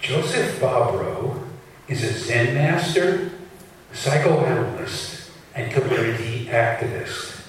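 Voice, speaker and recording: A man's voice: medium pitch, heavy reverb, recorded from a distance, slight background noise, poor audio. Man on a speakerphone-like mic. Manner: halting, corrects himself. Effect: sounds like a speakerphone. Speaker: event host. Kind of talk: reading an introduction. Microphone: room mic addressing an audience.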